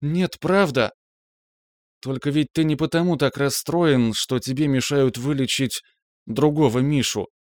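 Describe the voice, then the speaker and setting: A man voicing a tender, teasing young woman who speaks to her lover in a soft, cooing way. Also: mid-range voice, measured pace, no room sound, studio quality, voice pushed up, natural voice.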